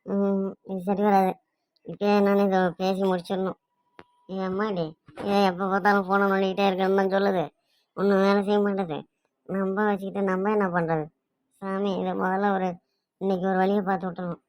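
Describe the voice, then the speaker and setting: A nagging old mother-in-law from a cartoon comedy, played by a woman, who scolds and complains without pause. Her delivery stays flat and even. The sound is dry and close to the mic. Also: medium pitch, dry recording, natural voice. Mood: grumbling. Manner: scolding, complaining, grumbling to herself.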